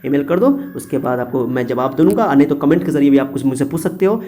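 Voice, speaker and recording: A man's voice: medium pitch, fast, mellow. A young man teaching students a memory trick in a chatty way, acting out little voices in his story.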